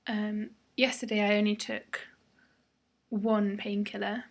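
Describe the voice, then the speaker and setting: A young British woman, tired a day after surgery, gives a casual vlog update. Her voice is breathy and a little husky, staying fairly flat in pitch. She rambles loosely and often lets phrases trail softer. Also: takes it slowly. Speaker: vlogger.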